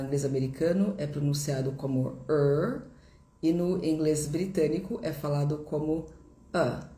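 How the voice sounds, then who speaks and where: A woman teaches a live online lesson in a low, mellow voice. She explains patiently, repeating each example slowly. The room gives her voice a noticeable echo. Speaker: English teacher.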